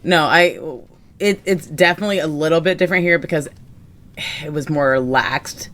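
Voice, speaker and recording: A young woman with a low voice talks loosely on a casual podcast, circling her point with fillers and trailing off. She laughs often as she goes. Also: normal speed, fairly bright tone. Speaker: podcast co-host. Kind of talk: casual chat.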